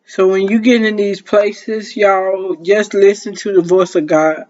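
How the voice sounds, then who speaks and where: A man with a high voice preaches to his viewers at a slow, unhurried pace. He draws his words out, sighs often, and calls his audience "y'all". The sound is dull and lo-fi, like basic home video audio. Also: flat delivery, darkish tone. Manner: slow, drawn-out delivery with frequent sighs, addressing viewers as y'all. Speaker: minister. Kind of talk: motivational preaching to camera.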